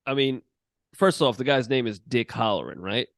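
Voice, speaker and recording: A young man co-hosts a podcast in loose, swearing banter, recapping a horror film scene by scene. His voice sits mid-range with a gravelly edge. The sound is dry and close to the mic. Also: mid-range voice, a bit bright, no echo. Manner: crude, laughing, acts out movie lines in quick voices. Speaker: podcast co-host. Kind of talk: casual film-recap chat.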